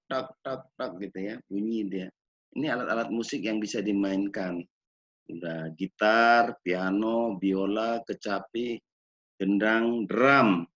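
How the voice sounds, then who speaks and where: Slow, low-voiced man lecturing. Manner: measured, explanatory, asks rhetorical questions. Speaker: lecturer on children's music education. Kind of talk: recorded lecture. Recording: dull lo-fi recording.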